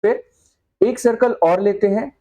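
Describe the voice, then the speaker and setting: A man with a high but dark-toned voice teaches shorthand from a whiteboard. He explains patiently, keeps checking that his students understand with repeated questions, and slowly sounds out examples.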